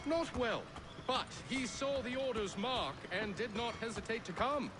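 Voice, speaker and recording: A man's voice: very high voice, expressive, a little slow. An actor playing an eager, deferential young man, speaking in formal, respectful period phrases in video game dialogue. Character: young male eager, deferential loyal servant. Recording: game audio with clear street ambience.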